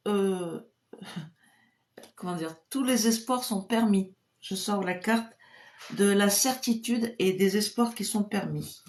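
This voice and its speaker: On a live stream, a female clairvoyant reads out viewers' questions and answers them using a pendulum. She's cheerful and chatty but drops to a low murmur when calling on her guardian angels. A slight hiss or hum can be heard.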